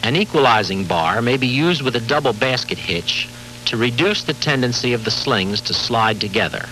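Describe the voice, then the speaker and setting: A man giving formal, measured scripted narration for a safety training film, heard from a worn VHS tape copy with faint hiss and hum. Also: mid-range voice, expressive, bright, forceful tone, rough recording. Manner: measured, formal, authoritative delivery.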